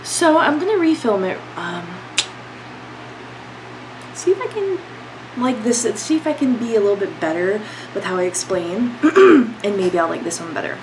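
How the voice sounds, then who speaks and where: A young woman with a mid-range voice vlogs from her bedroom, very animated at a moderate pace but with long pauses, congested from a cold. She speaks candidly to camera, rambling with many fillers, and background noise can be heard.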